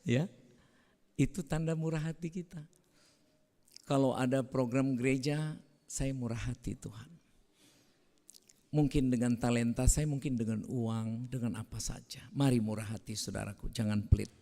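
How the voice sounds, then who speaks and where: A man preaching a sermon, with a big voice that drops to hushed prayer. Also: mid-range voice, steady tone, moderate pace, pauses often. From North Sumatra. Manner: loud voice, swings from hushed prayer to fervent exhortation. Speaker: evangelist preacher. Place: church hall. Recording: reverberant church hall.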